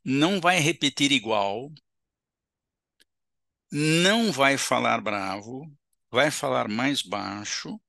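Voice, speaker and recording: A man's voice: mid-range voice, vocal fry, pushed and bright, no echo, clean studio sound. A man giving a seminar lecture in an auditorium, explaining step by step and checking in with the audience with short tag questions.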